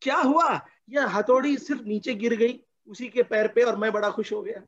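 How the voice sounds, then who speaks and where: High-voiced, enthusiastic male storyteller. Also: moderate pace, a bit bright, dull audio. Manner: enthusiastic, playful, mixing Hindi and English. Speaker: guest children's author. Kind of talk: lively storytelling lesson for children. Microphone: video call.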